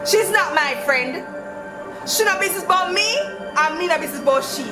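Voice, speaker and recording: A woman's voice: very high voice, animated, brisk. A woman playing a defiant teenage daughter at wits end, exasperated and pleading with her father in a Jamaican accent, in a drama. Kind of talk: dramatic acting in Jamaican Patois. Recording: roomy echo, music laid over dialogue.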